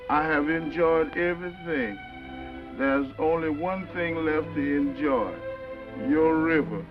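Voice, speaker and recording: A man's voice: fairly high pitch, close to an everyday voice. An actor playing a theatrical newsman solemnly reading aloud in 1930s film style. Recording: dull old film track under loud music.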